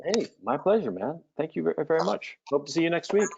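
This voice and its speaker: A man's voice: on the high side, very animated, fast talker, creaky, background noise. Blunt, casual man coaching callers in a live webinar, slightly lo-fi sound. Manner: blunt, casual, swears freely.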